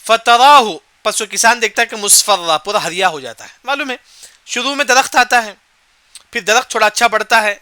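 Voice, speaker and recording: High, bright-voiced man teaching Quran commentary. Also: smooth, no room sound. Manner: explains Arabic words slowly, repeats key points; chants Arabic verses.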